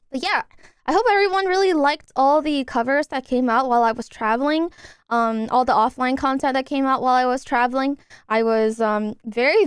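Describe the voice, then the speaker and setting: A woman's voice: on the high side, smooth, no echo, studio quality. A young woman streaming live, chatting casually and thanking her subscribers in an upbeat way while recovering from nose surgery.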